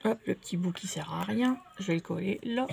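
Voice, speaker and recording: A woman talks her viewers through a craft project at home. Her voice sits at a medium pitch, and she keeps the talk loose and casual, filling pauses as she works. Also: gravelly, background noise. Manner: chatty and relaxed, with many fillers. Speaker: craft vlogger. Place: indoors at a craft table.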